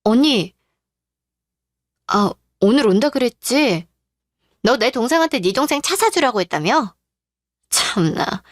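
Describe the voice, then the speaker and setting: A blunt, protective older sister who mocks with open scorn, as a woman acts her out. Her voice sits slightly high and sounds dry and close, in a radio drama. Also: expressive, unhurried, pauses often, no echo. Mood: mocking. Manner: blunt, mocking.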